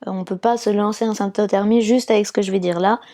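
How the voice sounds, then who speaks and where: A woman's voice: mid-range voice, steady tone, fast talker, mellow. A woman from France, a fertility awareness counsellor, explaining her work patiently step by step in an interview, with frequent fillers.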